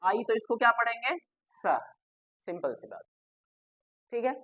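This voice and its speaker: A fairly high-voiced woman teacher runs a classroom grammar lesson. She spells each word out letter by letter, then fires a question at the class and answers it herself, with a joke for the pupils now and then. The sound is dry and close, with no room echo. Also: big pitch swings, unhurried, a bit bright. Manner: spells words out letter by letter and repeats them.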